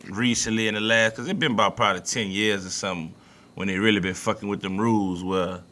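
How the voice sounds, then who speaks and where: A man's voice: on the low side, steady tone, quick pace, pushed and bright. A man with a New Orleans accent co-hosting a podcast, talking sports in a loose, profane, emphatic way. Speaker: podcast co-host. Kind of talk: casual sports talk.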